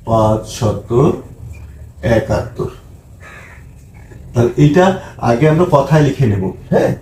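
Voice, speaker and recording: A man's voice: mid-range voice, warm tone. A man teaching a children's math lesson, counting aloud step by step and repeating himself, with hesitant fillers. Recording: echoey room with faint noise.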